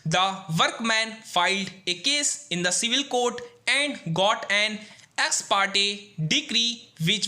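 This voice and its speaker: A man with an Indian accent is dictating formal text at a slow, measured rate. His voice is high and very bright, with a forceful edge. He reads phrase by phrase, as for shorthand practice, speaking punctuation aloud.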